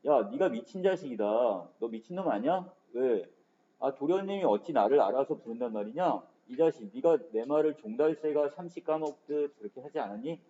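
A man's voice: mid-range voice, lively intonation, normal speed, warm tone, close to an everyday voice. A man reading as a bold young woman scolding. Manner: brash, scolding. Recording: dull lo-fi recording.

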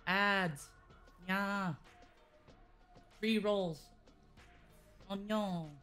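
A woman chatting casually on a game livestream in a giggly, easily excited manner. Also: mid-range voice, drawn-out words, clean tone, faint music behind. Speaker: livestreamer playing a shooter game.

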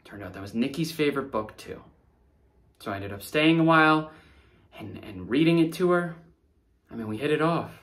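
A man in his thirties playing an earnest, rattled young delivery driver under interrogation, pleading and halting in a naturalistic screen-drama style. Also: mid-range voice, lively intonation, fairly bright tone, lightly acted. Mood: earnest, defensive. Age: 30s. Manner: pleading, halting, repeats words. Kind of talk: naturalistic screen acting, audition read. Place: small indoor studio against a backdrop.

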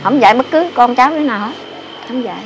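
Older woman, emphatic repetitive storyteller; slightly high voice; noisy outdoor recording with traffic. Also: racing. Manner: rambling, repeats phrases, emphatic. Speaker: interviewee telling local lore. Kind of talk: casual storytelling. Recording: noisy outdoor ambience with passing vehicles.

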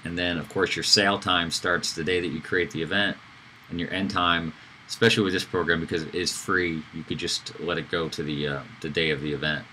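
A man giving a casual screen-recorded software tutorial, talking loosely with fillers and self-corrections. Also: sits low, fairly even intonation, a little fast, a little hiss or hum, low-quality recording. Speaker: instructor.

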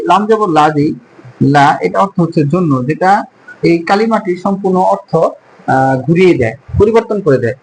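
Male teacher, high voice, drawn-out syllables for drills, faint hiss on the track. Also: poor audio. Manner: slow, careful, drawn-out syllables when modelling sounds. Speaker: Arabic teacher. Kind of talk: pronunciation lesson.

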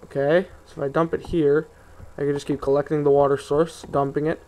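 A man's voice: fairly high pitch, little pitch movement, brisk, mellow. Rambling young man narrating his gameplay. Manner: rambling, easily sidetracked, grumbling asides. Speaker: gaming video host. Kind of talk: casual let's play commentary.

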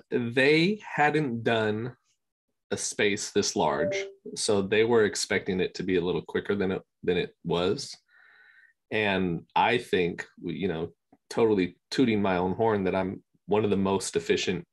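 A man talks in a low, deep voice over a video call. He rambles in a relaxed, casual way, filling his speech with ums and you knows. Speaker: interview guest, scanning service provider. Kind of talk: casual conversation.

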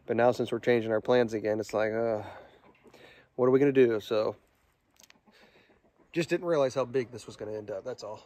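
A man in his thirties, outdoors at a building site, casually explaining the work he is doing, relaxed and thinking aloud. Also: mid-range voice, normal speed, long pauses, dry recording. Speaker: DIY barn builder.

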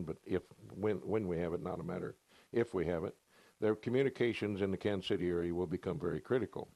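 An older man, a ham radio operator being interviewed for TV news, answers technical questions plainly and matter-of-factly into a reporter's handheld mic. His voice is deep, creaky and mellow, with no room sound. The setting is his home radio room, then a parked truck.

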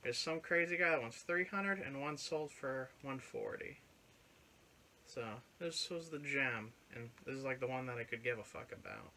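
In a living room lined with record shelves, a young channel host chats casually about his flea market finds, recorded by a fixed camera at couch distance. His medium-pitched voice has a sharp tone and moderate pace. He speaks offhandedly with occasional swearing, over slight background noise.

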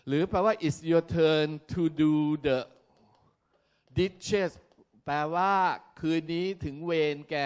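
A man teaching a class, explaining slowly and often checking that his students are keeping up. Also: a little high, clear, resonant tone. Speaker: English teacher. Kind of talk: classroom lesson.

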